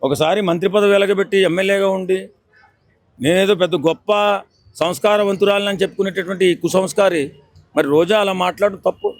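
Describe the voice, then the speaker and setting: A man scolds in a street interview, lecturing and circling back to the same points. His voice sits high for a man. The recording is dry, with no room around it. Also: fairly even intonation, brisk, dry recording. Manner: indignant, repetitive, lecturing. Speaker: member of the public interviewed.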